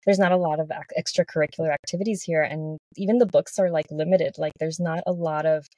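A Texan woman in her thirties speaks fast in a low, slightly mellow voice with fairly even intonation and no echo. As a podcast guest in casual chat, she's earnest, restarting often and filling with "like."

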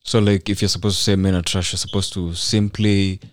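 Young Kenyan man, low-pitched, slangy debater. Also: level tone, brisk. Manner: provocative, repeats himself insistently. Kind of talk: casual debate, slangy Swahili-English code-switching.

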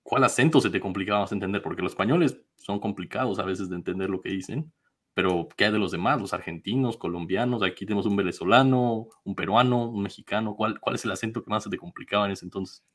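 A man's voice: on the low side, fast talker, fairly bright tone. A man hosting a casual chat, asking long, rambling questions. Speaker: podcast host.

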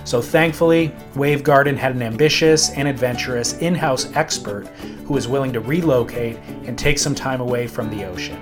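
A man's voice: mid-range voice, normal speed. A man delivering scripted narration as the host of a feature. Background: plucked guitar music.

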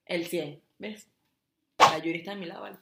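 A woman's voice: lowish voice, a little fast, reverberant, crowd noise. A young woman with a Venezuelan accent co-hosting a podcast, chatting playfully and laughing often. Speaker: podcast co-host. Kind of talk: casual chat.

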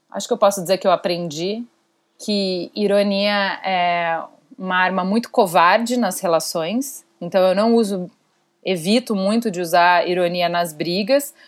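A woman in her thirties with a Brazilian Portuguese accent, giving a candid interview as a guest and talking bluntly and ironically with a fair bit of swearing. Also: medium pitch. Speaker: podcast host as interview guest.

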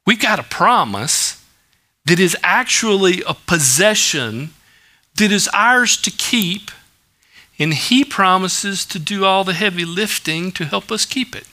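A man preaches in a relaxed, conversational style, full of everyday stories and asides. His voice is bright and forward and sits a little high for a man. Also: unhurried. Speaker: pastor. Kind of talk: sermon.

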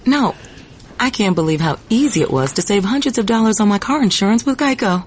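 A woman's voice: mid-range voice, expressive, fairly quick, a little mellow, a little hiss or hum, close to an everyday voice. A woman playing an astonished office worker in a comedic ad, speaking emphatically. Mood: amazed. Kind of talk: comedic ad acting.

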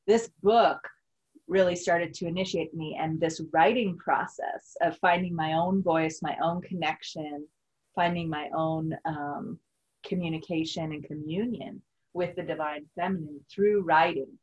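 Earnest reflective woman, slightly low. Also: steady tone, a little slow, dull audio. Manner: earnest, reflective, frequent fillers. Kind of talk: casual spiritual conversation.

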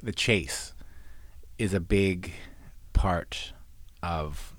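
A man's voice: fairly low pitch, fairly quick, no room sound. A man in his forties, a podcast co-host, chatting casually with lots of fillers, restarts and swearing. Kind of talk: casual chat.

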